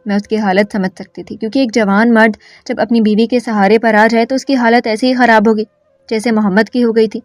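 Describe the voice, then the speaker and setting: A woman telling an emotional first-person story in a calm, earnest narration. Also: on the high side, no room sound.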